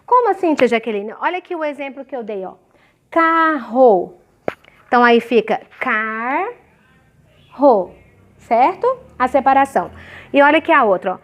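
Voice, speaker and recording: High-voiced teacher speaking to kids. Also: female voice, animated. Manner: slow, clearly syllabified examples with frequent checking questions. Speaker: primary school teacher. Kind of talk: remote lesson for young children.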